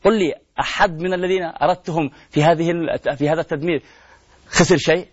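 Male host, impassioned pleading appeal, fairly high voice, dry dull lo-fi sound. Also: steady tone, quick pace, husky, no room sound. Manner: pleading, rhetorical questions, repeated refrains. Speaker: TV program host.

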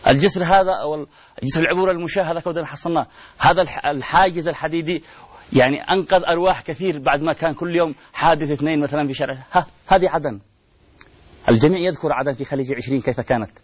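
A man's voice: a little high, very fast, breathy edge, no room sound. A man, hosting a program and making an impassioned appeal full of pleading rhetorical questions and repeated refrains, on dull lo-fi broadcast audio. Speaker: TV program host.

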